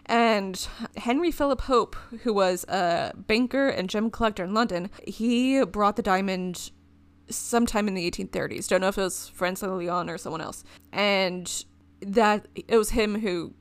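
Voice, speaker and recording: A woman's voice: mid-range voice, normal speed, clear, resonant tone, dry recording. A woman co-hosting a podcast, telling a history story in a rambling, casual way and laughing often. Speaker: podcast co-host.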